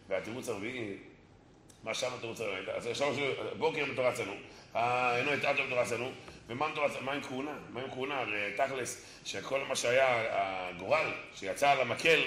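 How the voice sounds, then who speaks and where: A man giving a Torah sermon, animated, acting out dialogue and mimicking people. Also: medium pitch. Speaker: rabbi. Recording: echoey room, faint noise.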